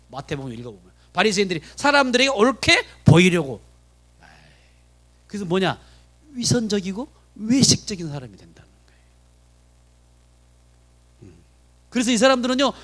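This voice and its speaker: Male pastor delivering a church sermon; very high, highly expressive pitch, rhetorical questions to the congregation. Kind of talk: sermon at a Friday prayer meeting. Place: church sanctuary.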